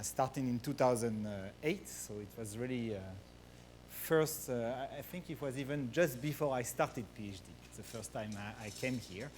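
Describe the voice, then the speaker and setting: A man's voice: mid-range voice, slight background noise. A man with a French accent giving a research math lecture, hesitant, with many fillers and restarts. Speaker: guest lecturer.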